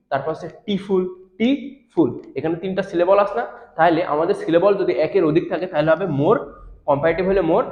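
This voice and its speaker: Fast-talking male teacher in an echoey classroom. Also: on the high side, a little mellow. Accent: Bangladeshi Bengali. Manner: explains step by step, asks rhetorical questions. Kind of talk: classroom grammar lesson. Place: classroom with a board. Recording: echoey, dull classroom recording.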